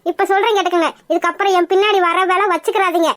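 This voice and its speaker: A woman's voice: very high voice, steady tone, very fast, a bit bright, no room sound, studio quality. A woman voicing a stubborn young woman in a cartoon, scolding and insistent as she pushes away her suitor. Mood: angry. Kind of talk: cartoon voice acting.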